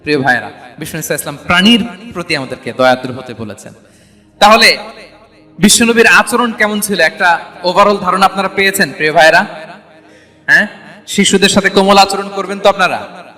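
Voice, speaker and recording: A man from Bangladesh delivers a rousing sermon in a bright, forceful voice. He keeps questioning his listeners and pushing them to answer. His voice rings out with a long reverberation. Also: high-pitched, a little fast, pauses often. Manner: rousing, calls questions out to the crowd. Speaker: preacher.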